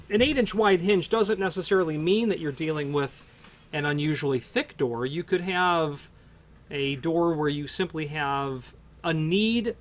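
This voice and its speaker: A man with a somewhat raised pitch talks through door hardware unscripted. His explanations wander, restart mid-sentence and lean on fillers as he thinks aloud. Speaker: hardware product presenter.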